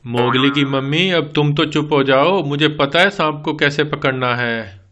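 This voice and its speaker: A man's voice: fairly high pitch, a little slow, a bit bright, dull audio. A man voicing a village father who blusters and scolds but is easily scared. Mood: nervous bluster.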